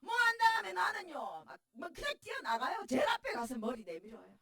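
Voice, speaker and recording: A middle-aged woman pastor with a Gyeongsang accent gives a tearful testimony sermon, often breaking into shouts. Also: very high voice, wildly swooping pitch, fairly quick, gravelly. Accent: Gyeongsang dialect. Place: church sanctuary. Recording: voice distant from the mic.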